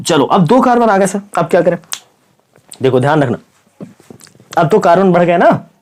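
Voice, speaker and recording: A male science teacher giving a classroom-style chemistry lesson with a sore, slightly hoarse throat. He asks his students questions, answers them himself, and keeps repeating the key words. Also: high-pitched, very animated, normal speed, a little mellow. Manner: repeats key words and calls listeners "kids" and "brother".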